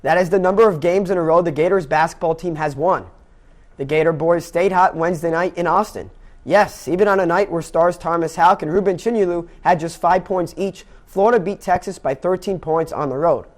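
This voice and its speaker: This young man anchors sports news and calls baseball play-by-play in a scripted broadcast style. His voice sits a little high, and he keeps a fairly quick pace.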